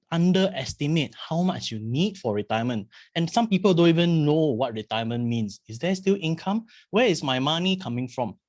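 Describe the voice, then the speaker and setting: A man's voice: fairly high pitch, dry recording, studio quality. A man in his twenties with a Singaporean English accent, giving an earnest webinar presentation with many fillers. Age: 20s. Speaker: guest speaker.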